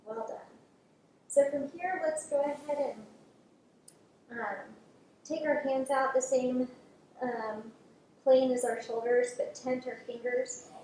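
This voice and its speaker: A woman with a fairly high voice leads yoga in a soothing, encouraging manner. She gives step-by-step movement cues and counts. The sound is very reverberant and picked up from a distance. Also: fairly even intonation, slow, long pauses, dark tone. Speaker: yoga instructor leading a class. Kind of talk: guided exercise instruction with counting. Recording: very echoey room, distant mic, faint noise.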